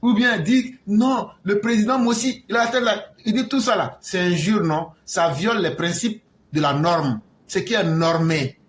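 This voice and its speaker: A man with an Ivorian French accent, a political commentator who retells conversations in lively storytelling and slips in street slang. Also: sits high, a little slow, few pauses, echoey room.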